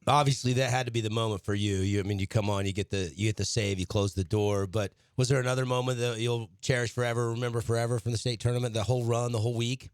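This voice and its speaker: A man's voice: mid-range voice, steady tone, fast, hardly any pauses, clean tone, no echo. A man hosting a sports talk radio show, eagerly stacking questions for the players in the studio.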